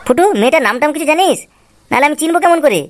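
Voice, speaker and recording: Playing a sly, foul-mouthed, exasperated cartoon dad, a woman grumbles and wheedles with coaxing, placating intent. She speaks high and fast with lively intonation, and music runs in the background.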